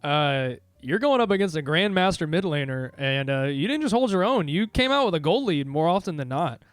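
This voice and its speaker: A man's voice: a little high, animated, fairly quick, no room sound. A man casting a live esports match and then interviewing the winning team, upbeat with casual fillers. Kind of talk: live esports play-by-play commentary.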